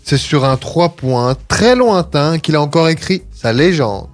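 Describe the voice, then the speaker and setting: A man reads quick sports news briefs on a radio show in a brisk, fluent way. His voice is somewhat high. A soft music bed plays underneath. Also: expressive.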